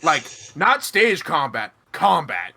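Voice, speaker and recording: A man's voice: on the high side, wildly swooping pitch, slow pace, gravelly, bright, forceful tone, breathy edge, soft background music. A man narrating a tabletop role-playing game as game master, rambling energetically with many fillers.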